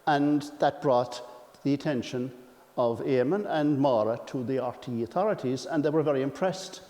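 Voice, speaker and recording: A man with an Irish accent giving an informal biographical account from memory, often clearing his throat. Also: medium pitch, dark tone. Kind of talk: informal spoken biographical reminiscence. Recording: reverberant hall.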